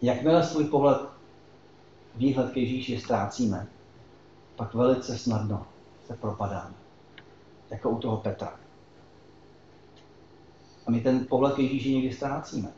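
A man's voice: medium pitch, long pauses, mellow, a little hiss or hum. A man preaching a sermon in a conversational way, asking the congregation questions. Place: church hall. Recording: echoey hall, slightly dull sound.

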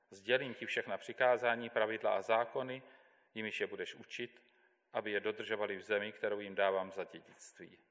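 A man giving a measured, deliberate Bible reading as a scripture reader in a church. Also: lowish voice, fairly bright tone. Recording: long hall reverb.

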